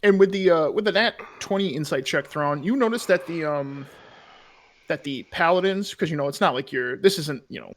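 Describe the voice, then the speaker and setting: A man narrating a tabletop game as game master, casually and haltingly, searching for words. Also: a little high.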